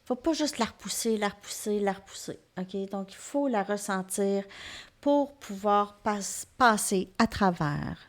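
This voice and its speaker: A woman gives a tarot reading to her viewers, gently reassuring them and often checking in with them. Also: mid-range voice, unhurried. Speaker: tarot reader.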